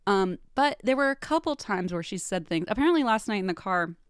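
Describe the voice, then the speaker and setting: A woman's voice: mid-range voice, brisk, clean tone, no echo, clean studio sound. A woman guest on a podcast, telling stories in casual chat and acting out the lines she quotes. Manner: animated storyteller, acts out quotes.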